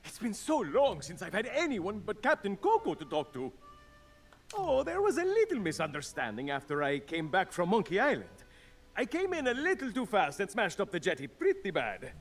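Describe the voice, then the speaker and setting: Very high, excitable castaway sailor. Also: male voice, moderate pace, full character voice. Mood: lonely, eager. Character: lonely, excitable male castaway sailor, defensive. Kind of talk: video game character dialogue.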